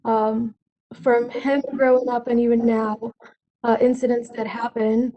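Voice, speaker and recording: A woman's voice: a little high, little pitch movement, a little slow, a little hiss or hum. A woman casually sharing a personal account in a group discussion, over a lo-fi call recording.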